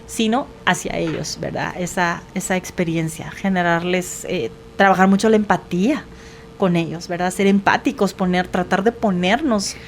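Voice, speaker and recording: A woman's voice: on the low side, moderate pace. Woman, guest counselor, patient earnest explainer, faint background noise. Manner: earnest, explains patiently, often asks "verdad?". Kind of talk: advice in conversation.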